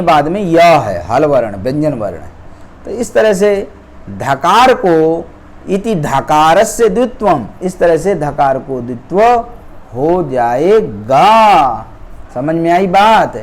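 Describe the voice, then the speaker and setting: A man teaching Sanskrit grammar, explaining rules step by step and often checking that students follow. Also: fairly high pitch. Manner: slow, deliberate, checks understanding often.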